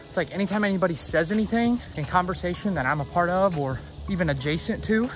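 A man's voice: high-pitched, fast, soft background music. A man rambling casually and playfully to his vlog while he runs along an outdoor trail. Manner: talking while running outdoors. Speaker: vlogger.

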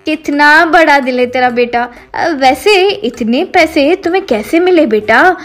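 A woman's voice: high voice, measured pace, fairly bright tone. A woman voicing a greedy, fawning middle-aged mother in a cartoon story, wheedling and pleading.

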